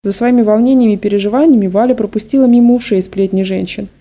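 Woman, story narration, measured, very dark warm timbre. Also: medium pitch. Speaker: audiobook narrator.

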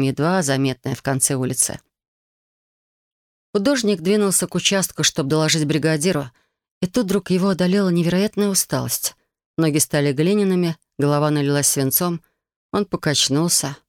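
A man reading a novel aloud as an audiobook narrator, in a calm, even storytelling manner. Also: fairly high pitch, dry recording, clean studio sound.

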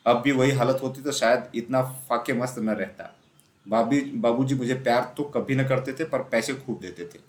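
A man narrating a classic children's story aloud in a steady storytelling manner. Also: mid-range voice, moderate pace. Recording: roomy echo.

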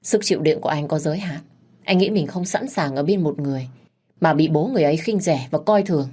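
A caring young man, voiced by a woman narrator, speaks soothing, gentle words in an audiobook story. The voice stays fairly low and calm. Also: moderate pace, husky. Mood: resigned.

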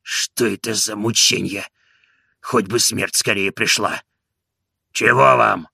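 A man voicing a sulky, put-upon old manservant who grumbles slowly in an aggrieved tone, for a storybook reading. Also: medium pitch, gravelly, pushed and bright, husky, no room sound, clean studio sound, heavily acted. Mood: grumbling.

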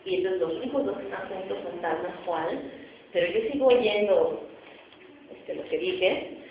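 A woman's voice: medium pitch, unhurried, a little hiss or hum. A woman professor giving a university phonetics lecture, explaining and often checking in with the class. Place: large echoey classroom. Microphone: distant recorder. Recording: echoey, distant, muffled classroom recording.

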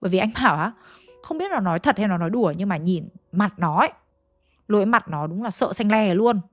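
A woman's voice: mid-range voice, expressive, fairly quick, dry recording, studio quality, faint music behind. A woman with a Hanoi accent retelling a ghost story in a chatty, dramatic way, speaking straight to her listeners. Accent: Hanoi Vietnamese.

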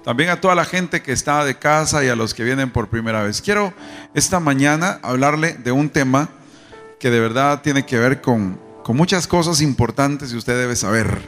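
A man's voice: mid-range voice, expressive, moderate pace, fairly bright tone. A man preaching a sermon at a church service, asking questions and calling the congregation to repeat after him. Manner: rhetorical questions and call-and-response with the congregation. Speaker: pastor. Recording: long reverb, faint music behind.

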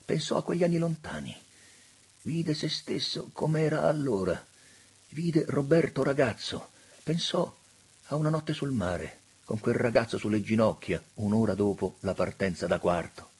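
A man narrating a literary audiobook in an expressive, theatrical reading. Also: mid-range voice, normal speed, husky.

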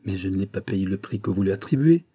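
A man with a husky voice voicing a desperate secretary who protests his innocence in an audiobook. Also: deep voice, lively intonation, fast talker, warm tone, dry recording, clean studio sound. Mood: indignant. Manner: agitated, indignant protests.

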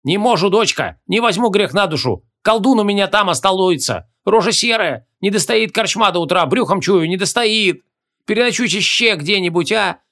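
A man's voice: high voice, lively intonation, moderate pace, a bit bright, pitched above the performer's own voice. A man voicing a fearful, grumbling rustic innkeeper in his sixties, with folksy speech and a fretful whine. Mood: fearful pleading. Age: 60s.

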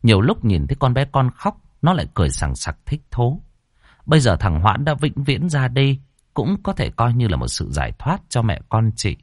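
A man reading a ghost story in a dramatic, expressive way. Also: mid-range voice, normal speed, dry recording, studio quality. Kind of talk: scripted ghost story narration.

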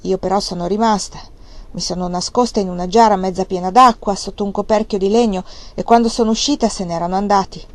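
A woman reading an audiobook and voicing a sharp-tongued, scolding servant woman with a shrill voice. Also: fairly even intonation, fast talker, natural voice. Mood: recounting. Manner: harsh and scolding.

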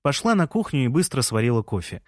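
Male narrator, calm audiobook read, mid pitch, dry close sound. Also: fast, no echo. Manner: calm storytelling.

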